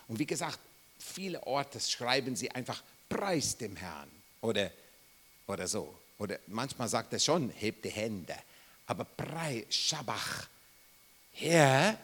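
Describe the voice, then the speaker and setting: Slow, animated preacher. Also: male voice, medium pitch. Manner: animated, acts out quotes, bursts of loud exclamations; slow and drawn out. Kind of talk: sermon.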